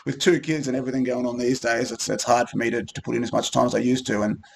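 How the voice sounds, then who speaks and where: Man in his thirties, gravelly voice, relaxed rambling chat, lots of ums. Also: mid-range voice, fast talker, a little hiss or hum. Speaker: co-host of a gaming group video. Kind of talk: casual chat.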